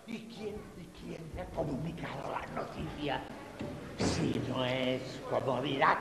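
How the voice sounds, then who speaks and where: A man playing a nosy, skeptical slave creature in a theatrical comic dialogue, teasing with drawn-out delivery. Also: very high voice, sing-song, over loud music, heavily acted. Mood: curious. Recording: very echoey hall, crowd sound behind.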